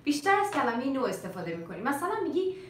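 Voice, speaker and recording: Young Persian-native woman, live English teacher, animated higher voice, roomy slightly distant sound with faint ambience. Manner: switches between Persian and English, slows to drill words. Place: room, live stream.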